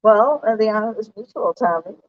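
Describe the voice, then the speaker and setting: An American woman, a co-host and organization director, speaks from a stage during a live talk. Her voice is mid-range and a little fast, articulate and conversational as she addresses the audience. The live-event sound is distant and dull.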